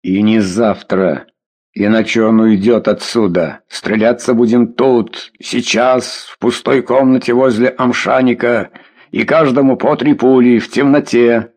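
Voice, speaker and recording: A man's voice: mid-range voice, fairly even intonation, a little slow, darkish tone. A man reading an audiobook voices a drunk, sneering nobleman who is picking a duel, in a raised, jeering tone. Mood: hostile.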